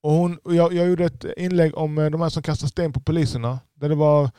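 A business owner with a lisp, giving a blunt, profane podcast monologue. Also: male voice, a little high, steady tone, mellow, smooth, no echo.

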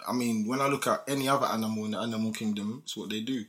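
Bright, punchy London roadman voice. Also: on the low side, fairly even intonation, rapid-fire, a little hiss or hum. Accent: London roadman, multicultural street English. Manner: repeats tag questions and checks he is understood. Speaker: podcast speaker. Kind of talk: casual debating chat in London street slang.

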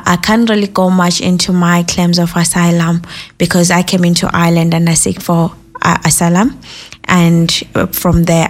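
A woman in her twenties from Zimbabwe, a guest in a studio interview, telling her story candidly with some hesitation. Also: on the low side. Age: 20s. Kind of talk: interview answers. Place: radio studio.

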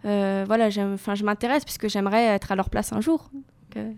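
A woman's voice: mid-range voice, a little fast, creaky, darkish tone, clear, resonant tone. A young woman, an athlete guest, answering interview questions casually and searching for her words. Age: young adult. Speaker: para-surfing champion guest.

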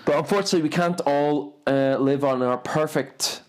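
A man co-hosting a podcast, chatting casually and teasing his friend with playful, drawn-out remarks. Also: on the high side. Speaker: podcast co-host. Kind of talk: casual banter.

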